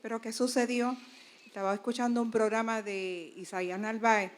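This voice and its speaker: A woman's voice: fairly high pitch, fairly even intonation, normal speed, slight background noise. A woman with a Puerto Rican accent, a pastor, telling the class her personal testimony in an earnest, fervent way.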